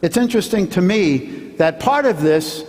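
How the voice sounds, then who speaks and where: A man, a pastor, preaching a sermon as he tells a story, now and then acting out the shouts of the people in it. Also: high voice, lively intonation, normal speed, long reverb tail. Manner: storytelling, acts out the fishermen's shouts. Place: church sanctuary.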